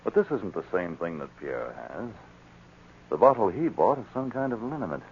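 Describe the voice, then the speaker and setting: Sergeant Preston, deep-voiced radio lawman. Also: very animated, normal speed, darkish tone, slight background noise. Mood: investigative, resolute. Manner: authoritative, questioning, emphatic. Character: firm, probing, fair-minded police sergeant of the northern wilderness. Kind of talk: 1940s radio acting. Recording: muffled, worn 1940s radio recording.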